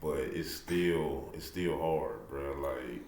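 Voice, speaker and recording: A man with a very deep voice talks in a laid-back, slangy manner. The conversation is casual and heartfelt. An echoey room and faint background noise surround him. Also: slow pace, a little mellow. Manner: laid-back slangy talk, lots of "bro".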